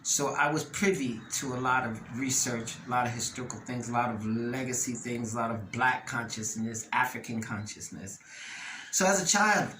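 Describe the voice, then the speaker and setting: Host, male, from Delaware: impassioned talk, emphatic and sermon-like, mid-pitched, recorded in an echoey space with light background hum. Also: moderate pace. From Delaware, USA. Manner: emphatic, preacher-like delivery with rises and repeats. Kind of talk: passionate monologue. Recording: roomy echo, faint ambient noise.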